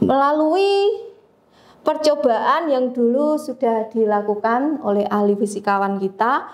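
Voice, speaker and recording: A woman teaching a physics lesson, explaining step by step with frequent pauses and fillers. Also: a little high. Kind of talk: classroom lecture.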